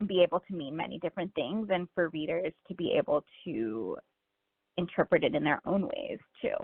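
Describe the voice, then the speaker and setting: Low, husky, and fairly quick, her voice has lively intonation and no echo, though the phone line narrows the sound. This guest author from Miami, United States, reflects casually in the interview and often says "like" and "you know."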